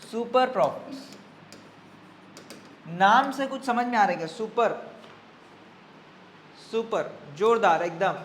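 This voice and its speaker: A man teaching an accounting class. He repeats key phrases, keeps checking that students follow, and slows right down to dictate formulas. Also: sits high, slight background noise. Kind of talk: classroom lecture.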